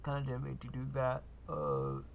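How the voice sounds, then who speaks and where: A man's voice: mid-range voice, big pitch swings, moderate pace, gravelly, slight background noise. A man giving a laid-back, casual gameplay walkthrough, full of uh and kinda. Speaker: gaming video host.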